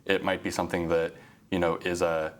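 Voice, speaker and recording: Flat, low-voiced man, halting delivery. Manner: hesitant, many "um" and "you know" fillers. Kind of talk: livestream panel discussion.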